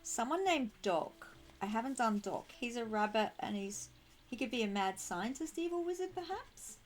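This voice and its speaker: Her throat slightly croaky and needing a clear, a woman chats bubbly and affectionately with viewers during a game live stream, giggling often. She sounds on the high side with lively intonation, and music plays in the background.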